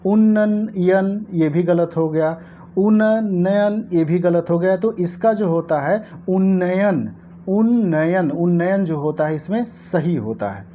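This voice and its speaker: A woman with a fairly low, mellow voice walks viewers through past exam questions in a teaching tone. She repeats key words slowly and keeps addressing her audience directly. Faint noise sits under the recording. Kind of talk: Hindi exam lesson, going through a past paper.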